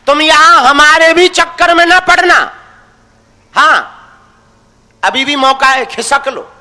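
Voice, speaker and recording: A young male preacher delivers a devotional sermon in a teasing, folksy manner, calling his listeners his crazy ones. His very high voice is slow with a sharp tone, and the recording has a long hall reverb.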